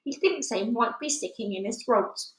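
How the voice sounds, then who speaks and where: A big, gentle male giant from a storybook, played by a woman reading aloud. He is gloomy and speaks in muddled, folksy grammar. The voice sits fairly high and rings in an echoey room. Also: lively intonation, moderate pace, close to an everyday voice. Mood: matter-of-fact. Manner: garbled, ungrammatical folksy speech.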